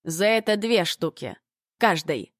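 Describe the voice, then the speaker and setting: A woman voicing a heavyset teenage girl who is rude and gruff, with a low, husky voice. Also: lively intonation, unhurried, dry recording, studio quality. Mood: bargaining. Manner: blunt, coarse.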